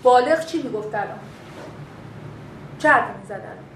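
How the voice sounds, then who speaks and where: A woman instructor giving a classroom lecture on communication, animated and acting out quoted dialogue. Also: on the high side, roomy sound, slight background noise, low-quality recording. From Bakhtiari heritage.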